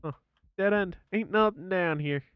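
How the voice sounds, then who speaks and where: A man's voice: high-pitched, normal speed, smooth, no room sound, highs cut off. A man streaming a game and chatting casually, joking and exclaiming often. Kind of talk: casual gaming stream chat.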